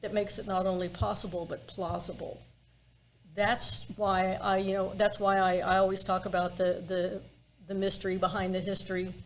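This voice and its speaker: A woman's voice: mid-range voice, flat delivery, moderate pace, low-quality recording. A woman chatting casually as a tour guide in an interview, telling things in a wry, emphatic way and repeating phrases for effect. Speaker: ghost walk tour guide being interviewed. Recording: clear background ambient noise.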